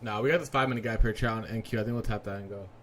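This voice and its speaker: A man's voice: fairly low pitch, steady tone, very fast, fairly bright tone, slight background noise. A man hosting a trading livestream, who banters casually and jokes with his chat. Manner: joking, laid-back banter. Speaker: livestream host and trader.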